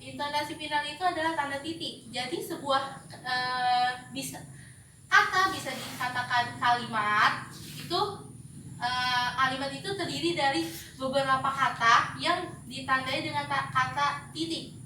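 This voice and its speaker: A woman teaching a grammar lesson to pupils, speaking with many hesitant filler pauses. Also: high voice, pushed and bright. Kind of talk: classroom lesson. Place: home study room. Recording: echoey room from far off, noisy.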